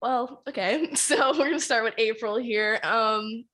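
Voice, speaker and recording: A woman's voice: on the high side, a little slow, a bit bright. A woman from New Jersey, a musical theatre actor, chatting casually on a cast panel, candid and laughing at herself. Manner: laughing, candid and self-mocking. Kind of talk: casual chat.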